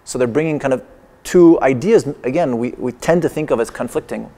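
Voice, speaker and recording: With a warm, mid-range voice and a slightly quick pace, a Persian-speaking artist delivers a lecture performance in a big museum exhibition hall. The long hall reverb echoes around him. His talk wanders wryly from point to point, laced with playful humor.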